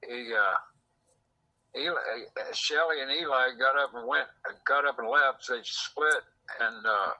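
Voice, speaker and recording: A man's voice: mid-range voice, unhurried, sharp tone, poor audio. A man telling a rambling story in casual chat, quoting people in dialogue, recorded in a secretly taped conversation. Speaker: host.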